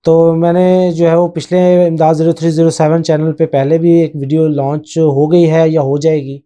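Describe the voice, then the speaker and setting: Fairly high, mellow-voiced man rambling. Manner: rambling, with frequent hesitations and English phrases mixed in. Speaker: channel host. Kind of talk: casual spoken commentary.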